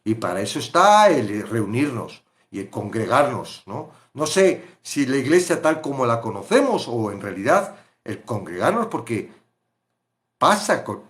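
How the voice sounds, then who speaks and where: Fervent Spanish Bible teacher, lively pitch. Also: male voice, measured pace. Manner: fervent, acts out quotes, swings loud to hushed. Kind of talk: live-streamed Bible study talk.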